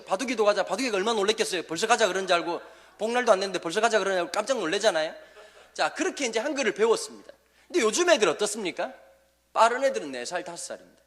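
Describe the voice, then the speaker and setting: Lively, quick-talking male pastor. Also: sits high. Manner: animated storytelling with jokes and quick asides to the congregation. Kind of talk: humorous sermon to church teachers.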